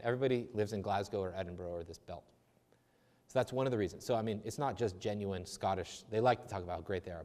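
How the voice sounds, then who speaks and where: A man's voice: on the low side, a little mellow. A man, a theology lecturer, answering audience questions in a conversational, discursive way with self-deprecating asides and frequent restarts, speaking in a chapel. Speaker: theology lecturer giving a talk. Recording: long chapel reverb.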